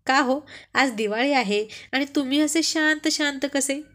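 A woman's voice: sits high, measured pace, a bit bright. Woman reading as a cheerful joking young man.

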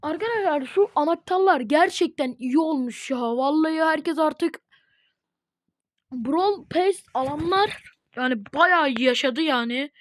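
A woman at home chatting casually to her viewers while playing a game, chatty and prone to excited, dramatic outbursts. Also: high-pitched, unhurried, no room sound. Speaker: gaming video host. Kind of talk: casual gameplay commentary.

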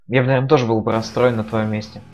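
A man's voice: mid-range voice, flat delivery, quick pace, darkish tone. A man giving casual live commentary on a fighting game, talking in a conversational, analytical way. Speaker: esports commentator. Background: game music.

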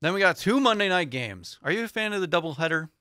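Bright-voiced young man co-hosting sports talk. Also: high-pitched, big pitch swings, fast, no echo, clean studio sound. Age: young adult. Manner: easygoing, reads out matchups with light laughs. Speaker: co-host. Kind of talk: casual sports podcast chat. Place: small podcast studio with foam panels. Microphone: studio mic on boom arm, headphones.

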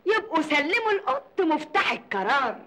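A woman's voice: high voice, sing-song, a little fast, fairly bright tone. An actress in a film comedy playing a protective, scolding middle-aged mother with an Egyptian accent and a sarcastic manner. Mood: scornful.

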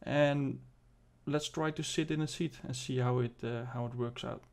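Casting: male video host, casual game walkthrough, mid pitch, gravelly fry, halting delivery that thinks aloud. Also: fairly even intonation. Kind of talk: casual game showcase commentary.

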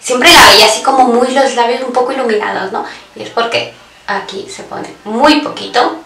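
Her voice sits a little high, bright and forceful, moving at a moderate pace as she runs through a relaxed makeup tutorial for her viewers. This beauty vlogger chats directly to the audience and often backtracks to fix what she said. There's a roomy echo, with the mic placed a bit away from her.

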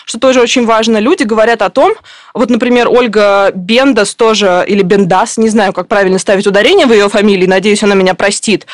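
A woman's voice: mid-range voice, fairly even intonation, fast, no room sound, clean studio sound. A woman reporter explaining events in a news discussion at length, with many fillers and restarts.

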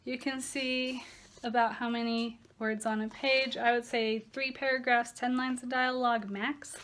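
A woman's voice: a little high, level tone, measured pace, a bit bright. A woman, a part-time teacher, talking casually to camera in a candid, slightly rambling way, correcting herself as she goes. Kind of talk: casual vlog chat to camera. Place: home video studio.

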